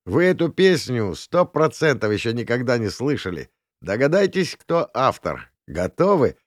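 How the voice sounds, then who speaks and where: A man's voice: medium pitch, big pitch swings, normal speed, dry recording, studio quality, pitched above the performer's own voice, lightly acted. Guy doing a hyped-up young student quizmaster, teasing, voice jumping way up. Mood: eager, teasing. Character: excitable young male student host of a song quiz.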